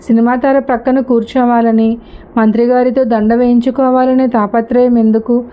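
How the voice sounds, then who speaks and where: A practical, argumentative young husband, read aloud by a woman who talks down to his wife. The voice sits fairly high. The recording is slightly dull and lo-fi. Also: level tone, normal speed, natural voice. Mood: arguing.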